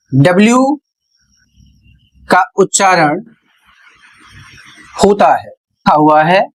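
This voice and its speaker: A man's voice: high-pitched, low-quality recording. A man teaching as an English pronunciation teacher, explaining patiently step by step and spelling words out letter by letter. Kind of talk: explanatory lesson.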